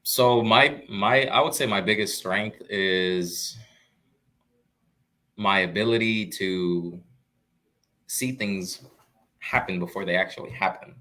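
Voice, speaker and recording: A young man from Florida chats easily as an interview guest, his voice sitting a little low. He keeps things loose and conversational, often leaning on "you know" and starting sentences over. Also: slow, long pauses. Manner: relaxed, peppered with "you know" and restarts. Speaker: guest, real estate investor. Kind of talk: casual live Q&A chat.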